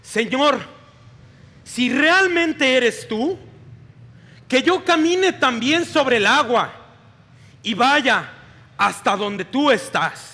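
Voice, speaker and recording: Earnest pleading disciple, read by a man, high voice, long hall reverb. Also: animated, very slow, pauses often, pushed and bright, full character voice. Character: pleading male disciple, frightened but hopeful.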